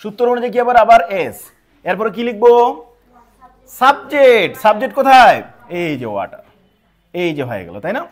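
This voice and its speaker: A male teacher giving a classroom grammar lesson, posing questions to the class and answering them himself, reading the board's examples slowly. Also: sits high, very animated.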